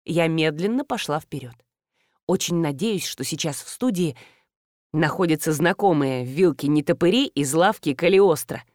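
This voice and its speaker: A woman's voice: deep voice, expressive, normal speed, a little mellow, no room sound, clean studio sound. A woman narrating an audiobook in the first person, in a wry storytelling manner.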